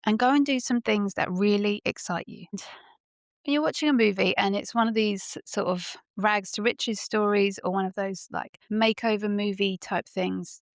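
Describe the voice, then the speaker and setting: A woman's voice: mid-range voice, normal speed, no room sound, studio quality. A woman hosting a podcast and giving an emphatic motivational monologue full of rhetorical questions. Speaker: podcast host.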